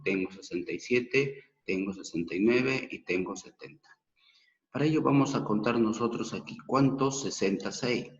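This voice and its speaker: A man with a Peruvian Spanish accent, teaching a math lesson slowly and patiently, counting aloud step by step. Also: lowish voice. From Peru. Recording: dull, roomy, echoey recording.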